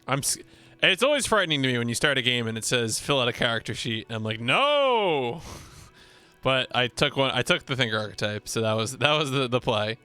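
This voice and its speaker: A man's voice: medium pitch, animated, quick pace, bright, forceful tone, clear, resonant tone, faint music behind. A man streaming a game and chatting casually, rambling and playful as he plays.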